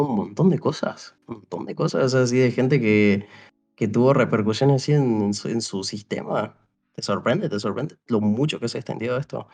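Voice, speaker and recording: Speaking in a lowish, somewhat mellow voice, a young man from Paraguay chats as an interview guest. His story drifts on at length, he keeps restarting and saying "o sea," and he performs parts of the dialogue.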